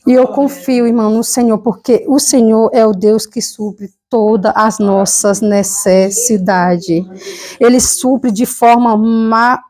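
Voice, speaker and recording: A woman's voice: on the high side, fairly even intonation, takes it slowly, a little mellow. A woman from Brazil with a Brazilian Portuguese accent, preaching a fervent, emotional sermon with personal testimony at a church service. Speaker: lay preacher.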